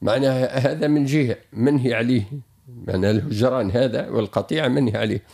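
A man's voice: medium pitch, creaky, darkish tone. A man with a Tunisian accent, a religious scholar explaining a ruling on a radio talk show. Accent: Tunisian Arabic. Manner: measured, explaining with repeated phrases.

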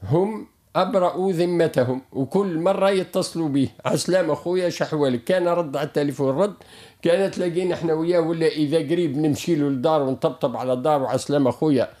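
Tunisian male scholar guest, calm explainer, a touch high-pitched. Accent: Tunisian Arabic. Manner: measured, explaining with repeated phrases. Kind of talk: radio advice talk.

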